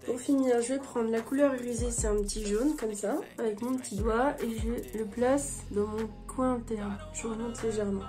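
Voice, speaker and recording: A woman with a slightly high voice walks through her makeup routine one step at a time, relaxed and chatty. Clear background music plays under her narration. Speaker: beauty vlogger. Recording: music playing behind the voice.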